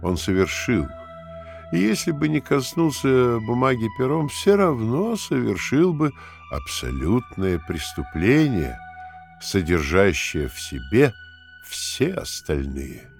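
A cold male inner voice that questions and warns, unhurried and insistent. The voice is gravelly and swoops widely from low to high. Faint music sits behind it in this audio drama. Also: sing-song, heavily acted. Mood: ominous. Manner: slow, rising, insistent.

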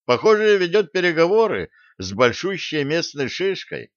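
A man's voice: on the high side, very animated, normal speed, no room sound, voice pushed up. Man reading a wry, blunt young crewman. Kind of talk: audiobook character voice. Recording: dull lo-fi audio.

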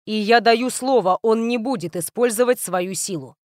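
A woman voicing a calm, indifferent male bodyguard of the ruler. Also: a little high, moderate pace, dry recording, studio quality, lightly acted.

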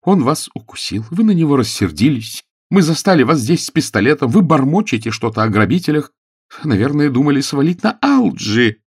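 A man voicing a domineering aristocratic lady who speaks in a sharp, accusing way. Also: mid-range voice, very animated, moderate pace, vocal fry, slightly rough, pitched above the performer's own voice, full character voice. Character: irate aristocratic older woman, domineering lady.

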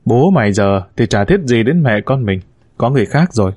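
A man voicing a shrewd, suspicious village wife who talks in a sharp, mocking way, in a spoken story. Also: mid-range voice, lively intonation, fairly quick, slightly rough, dry recording, studio quality.

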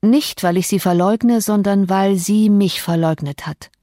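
A stern, proud gentleman, read by a woman in her ordinary voice, speaking in short, controlled phrases. The audiobook sound is dry and close. Her pitch stays in a middle range. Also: measured pace, no echo, close to an everyday voice. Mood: cold. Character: stern, wounded gentleman master of the house.

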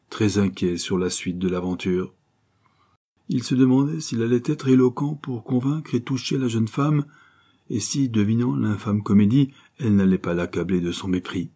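A man narrates an old adventure novel in a measured, dramatic way. His voice is low and dark, with a husky grain. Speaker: audiobook reader. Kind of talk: scripted narration.

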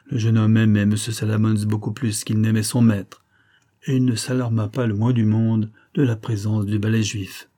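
A man narrating a novel as an audiobook in a steady, measured way. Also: on the low side. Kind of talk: scripted narration.

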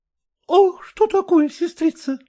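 A woman's voice: very high-pitched, takes it slowly, warm tone, pitched above the performer's own voice. A woman voicing a naive, tearful young peasant girl who pleads in simple village speech. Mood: pleading.

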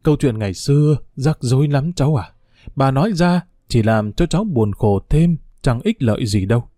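A man's voice: mid-range voice, animated, normal speed, warm tone, no echo, studio quality, close to an everyday voice. A man voicing an older woman in a read-aloud story, solemnly recounting family history. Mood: grave. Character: older woman, stern but caring family servant.

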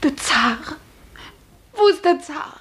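A woman's voice: sits high, lively intonation, takes it slowly, a bit bright, exaggerated voice. A woman playing a young serf actress, anguished and pleading, in a 1950s radio play. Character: young female serf actress, desperate and longing.

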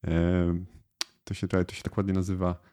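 A man's voice: deep voice, monotone, normal speed, warm tone, clean tone. A man co-hosting a podcast, explaining things casually and asking his co-host questions. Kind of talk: casual chat.

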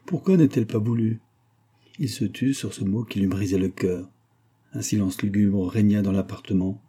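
Male audiobook narrator, low, husky, steady read. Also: moderate pace. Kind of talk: scripted narration.

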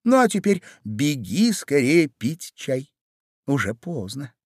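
A man voicing a gentle older sister, a young woman speaking tenderly, in a storybook reading. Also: medium pitch, very animated, takes it slowly, no echo, clean studio sound.

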